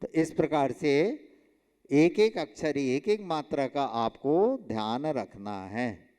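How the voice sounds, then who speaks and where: Slow, clear-voiced man teaching in a hall. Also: mid-range voice, expressive, warm tone. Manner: slow, emphatic, quizzing students with rhetorical questions. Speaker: Jain monk teaching a class. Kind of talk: classroom scripture and grammar lesson. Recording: long hall reverb.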